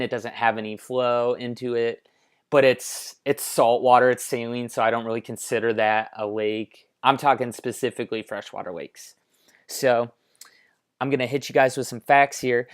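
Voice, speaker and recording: American man casually explaining over maps. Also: medium pitch. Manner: informal, conversational, offhand asides. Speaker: presenter. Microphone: headphone microphone.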